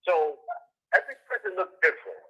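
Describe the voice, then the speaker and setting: A man calling in on a prison phone line as a guest, speaking earnestly and in a measured way. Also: fairly high pitch, huge pitch swings, bright, forceful tone, slightly rough. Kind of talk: earnest explanatory talk. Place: prison telephone call. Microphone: phone handset.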